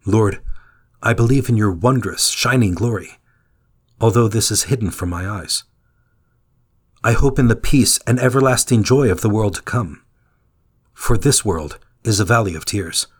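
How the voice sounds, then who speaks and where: A man giving a calm, measured scripted reading of a daily devotional meditation. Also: on the low side, breathy edge. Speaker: meditation reader.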